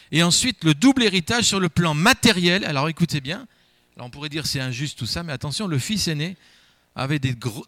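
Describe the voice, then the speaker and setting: A man's voice: fairly high pitch, fairly bright tone, no echo. A man preaching in French, first reading a Bible passage aloud and then explaining it with emphatic, rising and falling delivery and frequent repeated words.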